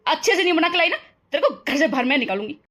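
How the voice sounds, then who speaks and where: A woman's voice: high-pitched, normal speed, bright, forceful tone, slight background noise. A woman voicing a harsh older mother-in-law in a cartoon story, scolding and taunting. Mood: scornful.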